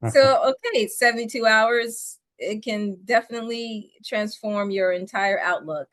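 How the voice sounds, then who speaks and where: A woman's voice: on the high side, measured pace, a bit bright, no echo. A woman hosting an interview, friendly and asking questions with a few fillers. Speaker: interview host.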